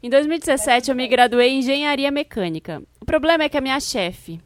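A woman's voice: sits high, fast, no echo, clean studio sound. A woman, a podcast host, reading a listener's letter aloud.

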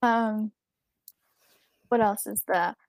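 A woman's voice: medium pitch, steady tone, very slow, dry recording. Giggly British woman, dry close mic. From Britain. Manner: giggly, trails off and restarts words. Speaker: podcast co-host. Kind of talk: casual chat.

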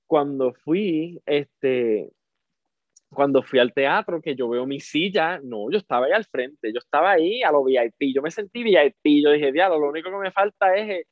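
A man with a Puerto Rican accent, a podcast guest telling a personal story in a casual, animated way and repeating words for emphasis. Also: fairly high pitch, moderate pace, no room sound. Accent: Puerto Rican Spanish. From Puerto Rico. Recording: dry, phone-like narrow sound.

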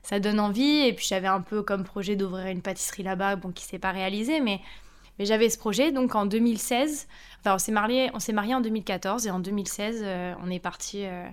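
A woman in her thirties speaks as a podcast guest, chatting in a lively way and pausing often with hesitations. Her voice is smooth and clear, pitched in a middle range for a woman. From France. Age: 30s. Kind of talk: casual interview storytelling.

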